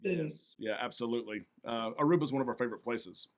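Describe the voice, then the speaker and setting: A man hosting a casual interview, agreeable and quick to echo short affirmations. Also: mid-range voice, lively intonation, crowd noise. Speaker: interview host.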